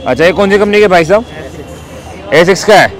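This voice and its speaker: Fast talking guy with a high voice, upbeat market vlog, street crowd noise behind. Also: low-quality recording. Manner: upbeat, repeats "bhai" and "theek hai". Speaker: vlogger. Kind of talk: walking market vlog, chatting with sellers. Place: busy outdoor street market. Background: crowd chatter and traffic.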